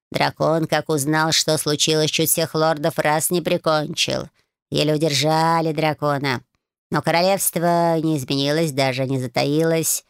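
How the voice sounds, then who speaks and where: A woman voicing a grumpy, sarcastic male talking cat in an audiobook, with a gruff, wheezy, slow drawl. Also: low-pitched, no echo, clean studio sound. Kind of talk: audiobook character voice.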